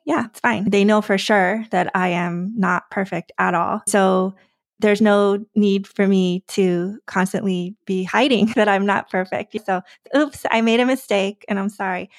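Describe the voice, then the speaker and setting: A woman's voice: medium pitch, vocal fry, no echo, studio quality. A woman hosting an interview, talking in a candid, chatty way. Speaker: podcast host. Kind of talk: conversational interview.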